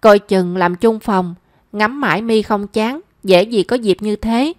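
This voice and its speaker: A woman's voice: mid-range voice, a little slow, dry recording, clean studio sound, natural voice. A woman voicing a cheeky, brash young woman who teases her friend. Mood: teasing. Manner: teasing, brash.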